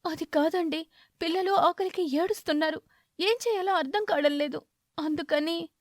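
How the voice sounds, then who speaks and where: A woman's voice: very high-pitched, moderate pace, no room sound, studio quality, pitched above the performer's own voice. A woman voicing a poor, devoted mother sparrow who speaks earnestly and pleads.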